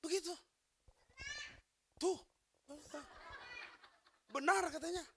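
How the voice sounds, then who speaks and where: A pastor preaching a sermon, swinging from soft talk to fervent shouting and quizzing the congregation with quick questions. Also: extremely high pitch, creaky, a little hiss or hum.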